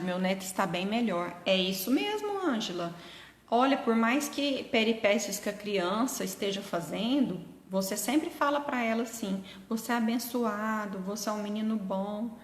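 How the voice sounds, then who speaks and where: A middle-aged woman hosting a live stream, speaking gently and earnestly and answering her viewers' comments. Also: mid-range voice. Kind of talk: casual live chat with viewers. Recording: echoey room with long reverb.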